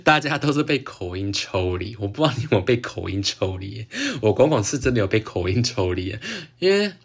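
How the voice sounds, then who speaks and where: A man with a Taiwanese Mandarin accent talks his way through a casual solo podcast, chatty and excitable. His voice sits a little on the low side, and he breaks into frequent laughs and exclamations. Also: brisk, creaky, breathy edge. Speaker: podcast host. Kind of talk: casual solo chat about a TV drama.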